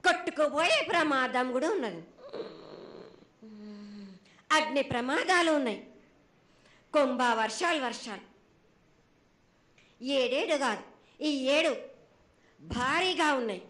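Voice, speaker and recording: A woman with a Telangana Telugu accent speaking as an oracle in a prophetic trance voice, pronouncing as an angry mother goddess in halting, repetitive phrases. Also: high-pitched, expressive, a bit bright. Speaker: oracle at a temple festival. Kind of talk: oracular pronouncement. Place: festival ritual before an audience. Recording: echoey live festival sound.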